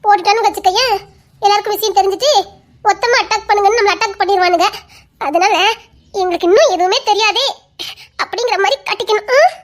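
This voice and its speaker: A woman with a very high voice performs a whole family drama alone. She shifts between frightened, pleading and stern characters, and her lines break into laughter and tears. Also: quick pace, long pauses. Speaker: storyteller voicing every character. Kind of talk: scripted Tamil family audio drama.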